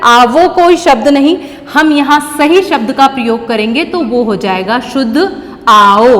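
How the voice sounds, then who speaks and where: A woman teacher explaining grammar to young schoolchildren, patiently repeating key words slowly. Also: sits high, big-room sound. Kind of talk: grammar lesson for children.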